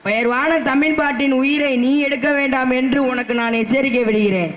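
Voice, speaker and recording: A man's voice: extremely high pitch, crowd noise. A man playing a stern old male head poet who judges verses in a formal, declaiming way on stage. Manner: formal, warning, measured declamation. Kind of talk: Tamil stage-play acting.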